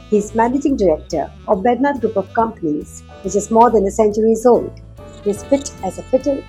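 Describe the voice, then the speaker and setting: A woman with an Indian accent, hosting a formal interview in deliberate, measured phrases. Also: medium pitch, warm tone, poor audio. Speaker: talk show host.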